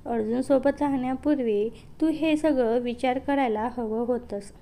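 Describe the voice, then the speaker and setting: A woman's voice: sits high, normal speed, dark tone. A woman voicing a cold, insistent young man. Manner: cold, firm.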